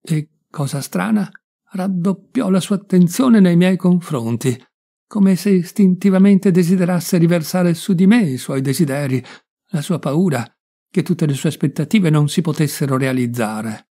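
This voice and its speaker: A man gives a first-person literary reading with a warm, mellow tone. He takes his time, leaning into phrases with quiet emotion. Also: fairly high pitch. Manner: measured, emotive, lingering on phrases. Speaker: audiobook reader.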